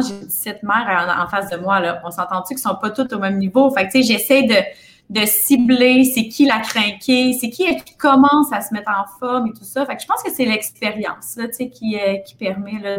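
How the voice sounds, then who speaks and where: Chatty Quebec French woman, echoey room. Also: mid-range voice. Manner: chatty, many fillers and restarts. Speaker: kinesiologist and business owner. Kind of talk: casual interview chat.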